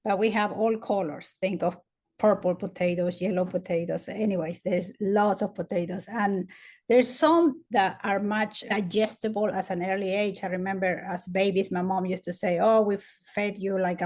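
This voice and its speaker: Peruvian woman in her 50s, accented english, chatty podcast guest, laughs as she tells it. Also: medium pitch. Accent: Peruvian Spanish. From Peru. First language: Spanish. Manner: warm storytelling with frequent soft laughs. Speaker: guest dietitian. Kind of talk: conversational interview.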